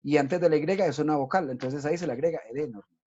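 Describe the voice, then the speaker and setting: A man gives a recorded English lesson to children, patient and methodical, checking often that they follow. His voice is mellow and dark. The recording sounds dull and lo-fi. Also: fairly high pitch, fast. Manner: patient, explains step by step, checks in with "¿listo?". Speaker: English teacher. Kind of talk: recorded online class for children.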